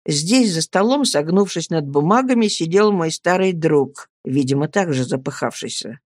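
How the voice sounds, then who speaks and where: A reader giving scripted first-person narration of a classic novel in a measured storytelling manner. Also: mid-range voice, animated, a little mellow, no room sound, studio quality. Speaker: audiobook narrator.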